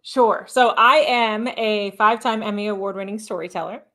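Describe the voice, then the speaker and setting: A woman's voice: medium pitch, normal speed, sharp tone. A woman speaking passionately as a guest on a live podcast, with a polished news-reporter cadence. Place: stage at a live event.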